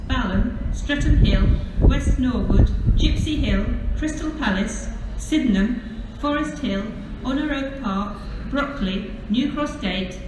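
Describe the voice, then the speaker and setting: A woman's recorded train station announcement played over public address speakers in measured, evenly spaced phrases. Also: on the high side. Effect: public address announcement over station loudspeakers. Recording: echoey loudspeaker heard from far off with station noise.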